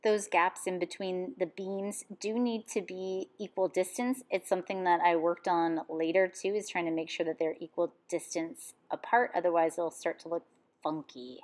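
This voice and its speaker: Calm, low-voiced woman teaching drawing. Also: moderate pace. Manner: calm step-by-step instruction. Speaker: art teacher. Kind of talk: drawing lesson voice-over.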